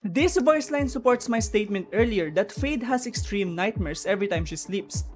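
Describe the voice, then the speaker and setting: Over background music, a woman with a mid-range, darkish voice explains game lore in a chatty, speculative way, addressing viewers directly. Her intonation is lively and her pace moderate.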